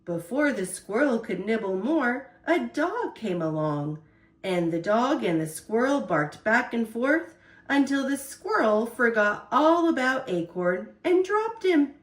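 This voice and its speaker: In a roomy-sounding space, a woman with a fairly high voice reads a children's picture book aloud. Her storytelling is expressive and deliberate.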